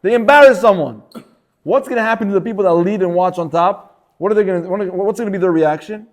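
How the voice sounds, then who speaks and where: A man teaching an informal Torah class in a synagogue, animated and often repeating words as he acts out stories. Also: high-pitched, quick pace.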